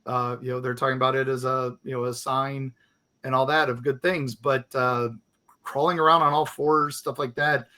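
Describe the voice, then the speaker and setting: A podcast co-host reads listener letters aloud and chats loosely, filling his talk with fillers. His mid-range voice stays fairly flat in pitch, moving at a moderate pace with a pushed, bright quality.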